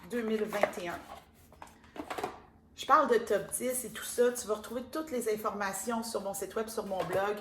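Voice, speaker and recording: A woman with a Québécois accent giving a casual oracle card reading, chatty and gentle, with many fillers. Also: fairly high pitch. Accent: Québécois French. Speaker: card reader and spiritual guide. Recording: echoey room with faint ambient noise.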